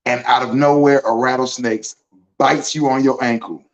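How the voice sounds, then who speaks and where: A man's voice: mid-range voice, steady tone, moderate pace, lo-fi sound. A man, born in Germany, explaining venom medicine in a laid-back, casual livestream chat, using vivid analogies.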